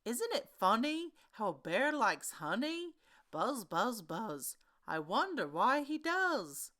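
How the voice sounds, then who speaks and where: A woman's voice: fairly high pitch, very animated, slow pace, bright, forceful tone, voice pushed up, full character voice. A woman voicing an earnest, simple-minded, honey-loving male bear in a children's storybook, pondering aloud in an emphatic, sing-song way. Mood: singsong. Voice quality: growly.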